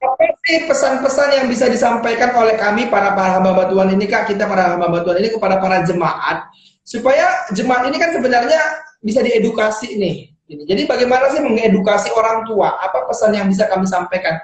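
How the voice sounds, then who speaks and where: A woman's voice: medium pitch, quick pace, reverberant, low-quality recording. A woman hosting a casual chat, asking long, rambling questions. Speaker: host.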